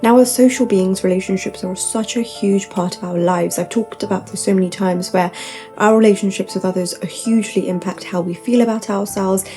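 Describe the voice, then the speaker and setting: A woman's voice: medium pitch, steady tone, brisk, mellow, faint music behind. A young woman giving upbeat, tidy self-help advice to camera, point by point, with gushing emphasis and repetition.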